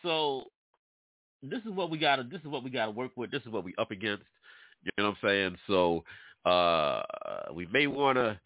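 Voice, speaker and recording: Here the same kind of host, a man from New York with allergy congestion, talks at a medium pitch on his internet radio program. He lectures his listeners directly in a lively, casual monologue. The sound is dry and thin, almost like a telephone.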